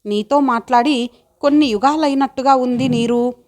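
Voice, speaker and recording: Earnest young woman, heartfelt and pleading, a bit high, for an audiobook, read by a woman. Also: normal speed, a little mellow, close to an everyday voice. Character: earnest young village woman eager to study.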